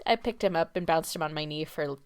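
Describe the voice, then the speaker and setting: A woman's voice: sits low, brisk, clear, resonant tone. A woman co-hosting a podcast, telling stories in casual chat and laughing often. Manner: chatty storyteller, laughs often. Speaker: podcast co-host. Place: home.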